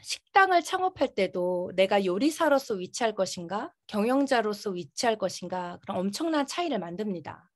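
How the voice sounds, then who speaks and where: A woman giving an earnest, emphatic motivational business presentation, her articulation slightly impeded by a dental retainer. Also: medium pitch. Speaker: network marketing business presenter.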